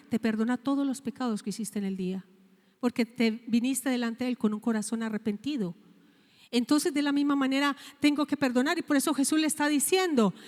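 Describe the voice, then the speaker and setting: A woman's voice: high-pitched, fairly bright tone, in a large hall. A woman pastor with a Colombian Spanish accent preaching a sermon, asking the congregation questions and reading scripture aloud.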